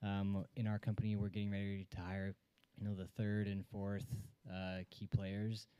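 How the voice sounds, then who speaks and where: A man in the audience asking a question, slow and a little nervous. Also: lowish voice, completely flat delivery, warm tone, clean tone, dry recording.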